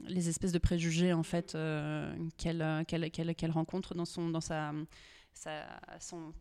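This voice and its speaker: Woman editor on a podcast, smooth clear voice, lots of ums and restarts. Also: deep voice, flat delivery, unhurried, warm tone. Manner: hesitant, many fillers and restarts. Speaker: guest, comics editor. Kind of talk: podcast interview.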